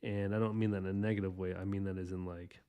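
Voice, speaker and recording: A man in his thirties with a low, mellow voice gives a casual drawing tutorial while he sketches. He rambles in a relaxed, chatty way, restarting his sentences as he goes. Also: quick pace, clear, resonant tone. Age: 30s. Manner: rambling, loose and chatty, lots of fillers and restarts. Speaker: artist hosting a drawing podcast.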